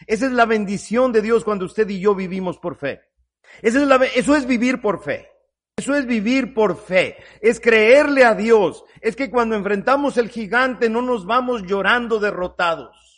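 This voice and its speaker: A man preaching a sermon, swinging between loud urgent peaks and low hushed lines, acting out quoted voices as he goes. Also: moderate pace.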